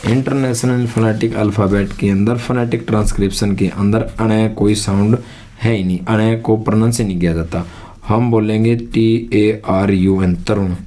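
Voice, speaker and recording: A man's voice: fairly low pitch, dark tone. A male teacher, giving a lesson and asking then answering his own questions. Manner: repeats words, asks and answers own questions. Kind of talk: classroom lesson with board.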